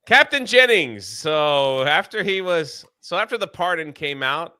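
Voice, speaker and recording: A man's voice: a little high, measured pace, sharp tone, smooth, no room sound. A man hosting a casual history podcast, rambling and laughing often as he chats. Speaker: podcast host and streamer.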